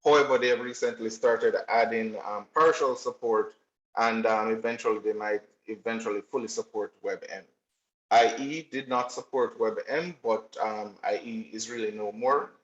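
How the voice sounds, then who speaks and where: A man delivers a technical presentation in a steady, explanatory way, scattering ums through his sentences. The recording is roomy and a little dull, as if captured on a computer mic in an echoey room. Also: lowish voice, normal speed.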